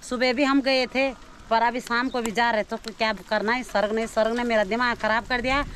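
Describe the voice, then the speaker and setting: A middle-aged woman from Uttarakhand grumbles in a high voice, scolding in a half-joking way. The outdoor phone recording is clearly noisy. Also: steady tone, moderate pace, fairly bright tone. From Uttarakhand, India. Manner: scolding, mock-grumpy. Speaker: vlogger's mother. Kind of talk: casual vlog chat. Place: village outdoors.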